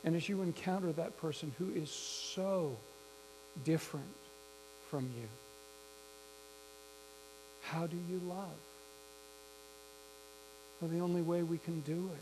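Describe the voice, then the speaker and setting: A man preaching a sermon, telling a story slowly and reflectively with some restarts. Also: a little high, a little mellow, rough recording. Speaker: pastor. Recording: faint mains hum.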